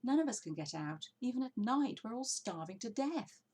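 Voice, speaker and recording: A woman voicing an excitable, fretful, desperate male badger in a children's storybook. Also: fairly high pitch, normal speed, slightly rough, voice pushed up. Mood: alarmed. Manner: exclamatory, fretful.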